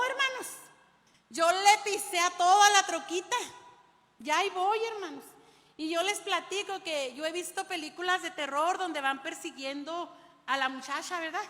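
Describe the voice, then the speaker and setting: A woman's voice: very high voice, fairly bright tone. A woman preaching a sermon, telling stories and often calling her listeners "brother". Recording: long hall reverb.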